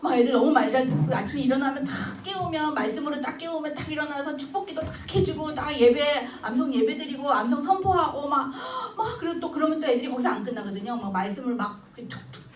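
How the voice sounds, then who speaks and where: A middle-aged woman teaching a church class for mothers, telling stories with lively acted-out dialogue and frequent laughter. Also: sits high, fast, hardly any pauses. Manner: animated storytelling, acting out child and mother dialogue, frequent laughter. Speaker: Bible memorization instructor. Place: church hall. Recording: echoey hall, distant mic, noisy.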